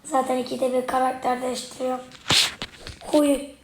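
A woman's voice: high-pitched, level tone, moderate pace. A young woman with a strained, partly lost voice gives casual gameplay commentary, muttering to herself in short bursts. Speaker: gaming video creator. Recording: roomy, loud noise and clicks.

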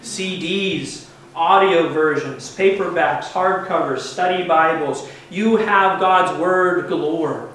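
A man's voice: on the high side, takes it slowly, fairly bright tone, distant mic. Earnest preaching man in echoey church. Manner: earnest, emphatic preaching with swelling stresses. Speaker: pastor. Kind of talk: sermon. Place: church sanctuary, at a wooden pulpit. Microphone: far camera mic, no visible microphone. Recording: very echoey church heard from afar.

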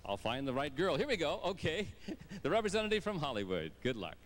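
Animated middle-aged male pageant host. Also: fairly high pitch, a little fast, a little hiss or hum. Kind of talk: live stage announcing. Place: large pageant theater stage. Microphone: handheld microphone.

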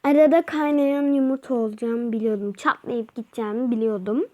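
Brisk and fairly high-pitched, this female channel host keeps up an excitable, talkative let's-play commentary, letting out cries while she plays.

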